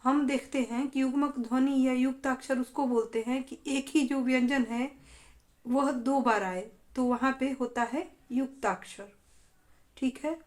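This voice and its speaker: Female tutor with a high-pitched voice, calmly explaining answers in an exam-prep lesson. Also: measured pace. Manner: steady explaining, question and answer. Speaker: teacher.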